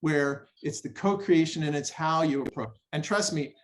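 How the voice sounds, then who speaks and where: An enthusiastic man hosts a podcast and readily affirms what his guest says. His voice sits a little higher than most men's. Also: normal speed. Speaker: podcast host. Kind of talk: podcast conversation.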